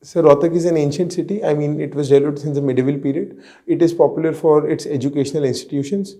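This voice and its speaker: A young man with an Indian accent speaks in a very soft-edged, dark tone, pitched a little high. He answers as a candidate in a formal interview, nervous and respectful, choosing his words haltingly. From Haryana, India. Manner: deferential, often saying sir.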